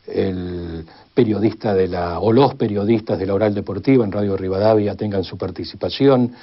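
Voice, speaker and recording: This is a formal spoken exposition by an expert on radio history who has an Argentine accent. With a fairly low pitch and moderate pace, he builds long, list-like sentences, recorded with a slightly dull, band-limited quality.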